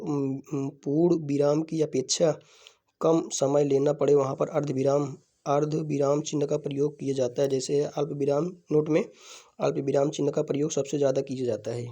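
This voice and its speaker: A man teaching a Hindi grammar lesson, often pausing and repeating words as he dictates notes. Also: on the high side, vocal fry, mellow. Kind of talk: classroom-style lesson explaining punctuation.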